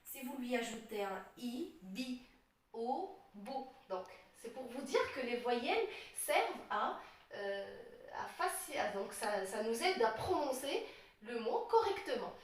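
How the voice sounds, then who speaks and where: A woman's voice: on the high side, sing-song, a little slow, slight background noise. A woman teaching French grammar step by step, patiently repeating each point and checking that the class follows. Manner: patient, repeats points and asks "vous voyez?". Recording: echoey room, voice from a distance.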